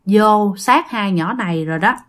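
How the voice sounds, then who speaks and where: A woman's voice: mid-range voice, moderate pace, a bit bright, lightly acted. A woman voicing a stern older male exorcist master, commanding.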